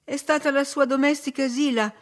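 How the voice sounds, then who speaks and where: A woman reading an audiobook, voicing a frightened, apologetic gentleman tenant with raised, urgent exclamations. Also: high voice, steady tone, normal speed, pitched above the performer's own voice, close to an everyday voice. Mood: flustered urgency.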